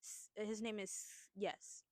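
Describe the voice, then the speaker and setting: A woman's voice: medium pitch, little pitch movement, slow, warm tone, no echo. Young woman on a podcast, rambling chatty storytelling, lots of ums, dry close sound. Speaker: podcast co-host. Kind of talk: casual chat, retelling a movie plot. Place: outdoors at a picnic.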